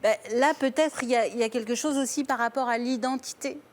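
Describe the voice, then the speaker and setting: A woman on a talk show panel offering gentle, reflective psychological advice, pausing often to find her words. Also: fairly high pitch, steady tone. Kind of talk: therapeutic commentary.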